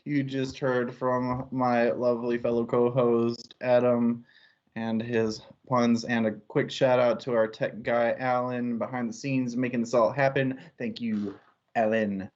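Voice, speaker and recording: A man co-hosts a book discussion livestream with one other host, mixing casual talk with a prepared intro. His mid-range voice is darkish and level in tone, unhurried, and the recording has its highs cut off.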